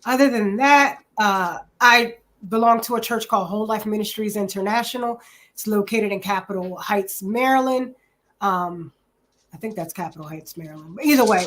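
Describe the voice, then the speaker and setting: Woman, 40s, from New Jersey, relaxed chatty interview guest, lots of ums. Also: medium pitch. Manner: chatty, many ums, says "literally" often. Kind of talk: casual interview self-introduction.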